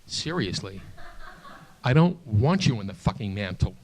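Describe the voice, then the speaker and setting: A man in his late sixties performing a stand-up comedy set in a small theater, with a halting, self-deprecating delivery full of restarts, and audience laughter behind him. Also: on the low side, sing-song, heavy background noise. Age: 60s. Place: small theater stage before a live audience.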